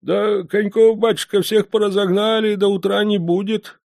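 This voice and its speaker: A man voicing a frail old male coachman who speaks slowly and humbly. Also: high-pitched, creaky, no room sound, clean studio sound, pitched above the performer's own voice. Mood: humble. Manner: slow, even, humble speech.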